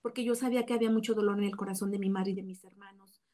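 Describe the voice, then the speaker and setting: A woman's voice: medium pitch, steady tone, racing, dark tone. A woman from Mexico gives an earnest, reflective personal religious testimony, with small restarts. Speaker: testimony speaker.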